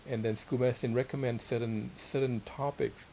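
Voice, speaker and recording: A mid-range male voice with vocal fry comes a little quickly from a middle-aged Thai theology teacher and author being interviewed. He is modest and hesitant, hunting for words during a casual seated chat in a small library room with armchairs. Steady hiss and room noise run through the recording.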